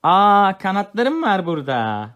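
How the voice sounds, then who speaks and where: While unboxing a toy with his young daughter, a father chats with her playfully and coaxingly, speaking gently to the child. His high voice swoops wildly in pitch at a measured pace, and the audio is lo-fi. It's a casual family unboxing.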